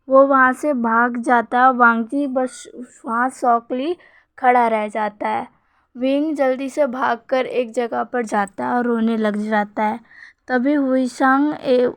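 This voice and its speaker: A woman retells a fan fiction story in a casual, running narration. Her voice sits fairly high, and she restarts words often as she hurries on. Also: no echo. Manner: quick retelling, frequent restarts. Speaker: fanfic storyteller.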